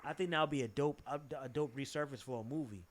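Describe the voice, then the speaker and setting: A young man with a Boston accent co-hosting a podcast in casual chat, animated and profane, jumping from topic to topic. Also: medium pitch, fast. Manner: animated, swearing, jumps from topic to topic. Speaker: podcast co-host.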